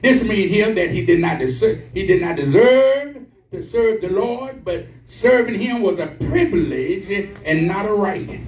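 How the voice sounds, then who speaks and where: In a large church sanctuary, a middle-aged man serving as guest preacher gives an expressive, slightly slow and slightly mellow sermon, his call-and-response delivery rising in pitch and fervor. Filmed from the pews off a pulpit mic, the audio is echoey and distant, with the congregation calling back to him.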